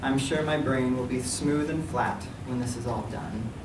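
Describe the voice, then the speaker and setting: Before a live event, a man gives a measured, solemn reading of his own dramatic monologue in verse in a library room. His voice is mid-range, and the distant mic captures echo and clear noise.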